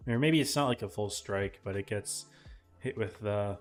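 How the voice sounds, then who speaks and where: Man, esports caster, low-pitched, casual chatty delivery, tired voice, soft music behind. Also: moderate pace. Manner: casual, chatty, talks to chat viewers. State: voice tiring, clearing throat. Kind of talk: live esports commentary.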